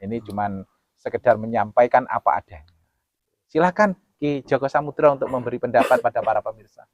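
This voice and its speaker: A man hosting a talk show, addressing viewers earnestly and solemnly, his voice swinging between loud emphasis and soft asides. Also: mid-range voice, fairly quick, no room sound, lo-fi sound. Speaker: host.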